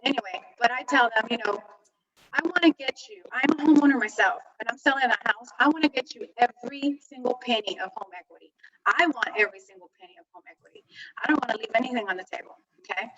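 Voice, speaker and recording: A woman real estate broker chatting through her pitch on a video call, her audio breaking up and cutting in and out. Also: quick pace, fairly bright tone, highs cut off. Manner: chatty, with many restarts and asides.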